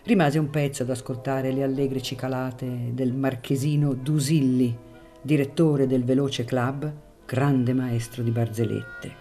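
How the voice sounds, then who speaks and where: A woman narrating a classic novel aloud in a measured, clear storytelling manner. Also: very deep voice, steady tone, dark tone, soft background music. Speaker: audiobook reader. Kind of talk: literary narration read aloud.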